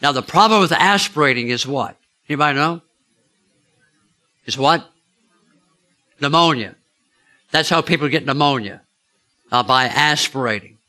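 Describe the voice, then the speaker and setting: A man's voice: medium pitch, sharp tone. A man preaching, telling a personal story in a chatty way and asking his listeners questions. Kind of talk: storytelling sermon.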